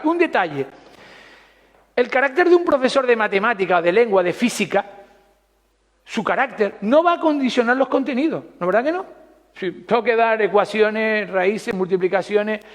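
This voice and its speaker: Man preaching, very high voice, long hall reverb, chatty questions to the listeners. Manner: conversational, asks the congregation questions. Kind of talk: sermon.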